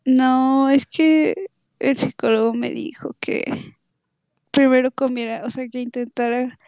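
A drowsy woman in a casual chat who talks very slowly and hesitantly. Her voice is gravelly. The sound is dry and close. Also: high-pitched, fairly even intonation, darkish tone, dry recording. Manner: hesitant, trailing off. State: sleepy.

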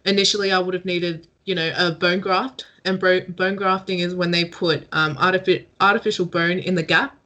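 A woman's voice: lowish voice, steady tone, moderate pace, few pauses, sharp tone. A young woman co-hosting a casual podcast over a call, explaining things step by step and laughing easily. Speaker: podcast co-host. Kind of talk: casual chat. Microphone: remote call.

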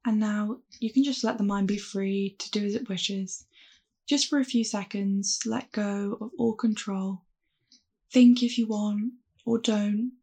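Leading a calm grounding exercise, a woman gives gentle, reassuring mindfulness meditation instructions. Her husky, creaky voice is mid-range, and her pace is a little slow.

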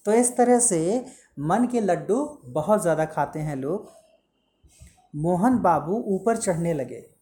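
Slow, mellow-voiced woman teacher. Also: low voice. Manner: pauses to ask and answer her own questions, explaining word meanings; mixes English words into her explanations. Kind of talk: reading a story aloud and explaining it in class.

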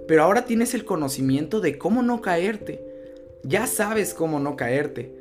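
A man with a Mexican Spanish accent hosting a podcast, giving earnest motivational advice, repeating his key phrases and swearing casually. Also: a little high. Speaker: podcast host.

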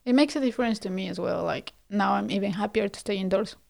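Woman, co-host, casual chat, gravelly, dry sound. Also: medium pitch, quick pace, darkish tone, dry recording.

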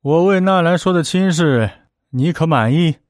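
A man voicing a powerful, calculating minister in a spoken story, stern and measured. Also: a little high, dry recording, clean studio sound, pitched above the performer's own voice, natural voice.

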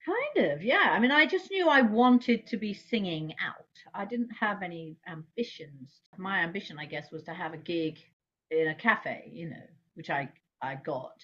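A woman's voice: lowish voice, normal speed, slightly rough. A woman, a jazz singer, telling stories from her life in a casual interview, laughing often and jumping her voice up when she quotes herself. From England. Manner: animated, laughing, voice jumps up when quoting herself. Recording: slightly dull lo-fi sound.

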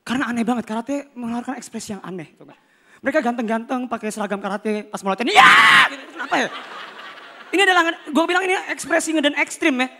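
High, bright-voiced man doing stand-up. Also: quick pace, slight background noise. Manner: animated, acts out characters with shouts and shifting voices. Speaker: stand-up comedian. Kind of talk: stand-up comedy routine.

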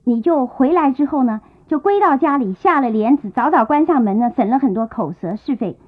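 Woman storyteller playing a stern brother laying down the rules, slow and grave, tinny phone-like old recording. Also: high-pitched, lively intonation. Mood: admonishing. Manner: slow, measured admonishing. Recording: tinny lo-fi tape.

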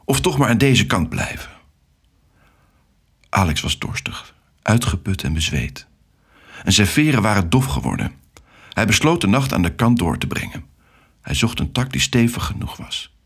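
A man narrating a children's story with an expressive, animated reading. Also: lowish voice, moderate pace, vocal fry, slightly rough.

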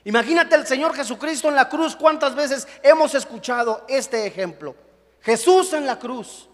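A young adult man preaching a sermon as a pastor, animated, acting out the voices of the people he quotes. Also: extremely high pitch, normal speed. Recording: long hall reverb.

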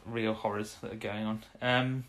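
A man's voice: on the low side, level tone, moderate pace, fairly bright tone. A man co-hosting a casual podcast, rambling through an episode recap with restarts and chuckles. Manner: rambling, self-interrupting, chuckling. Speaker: podcast co-host. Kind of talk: casual chat about an old TV episode.

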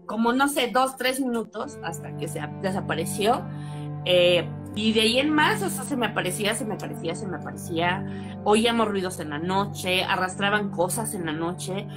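A woman with a Mexican accent telling a personal story in casual chat, acting out quotes with sudden high exclamations. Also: lively intonation, moderate pace. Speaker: guest storyteller. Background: background music.

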